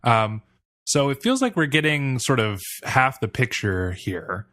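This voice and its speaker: A man's voice: medium pitch, big pitch swings, a little slow, bright, forceful tone, dry recording. A man co-hosting a music review podcast, talking bluntly and leading the casual discussion. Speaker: podcast co-host.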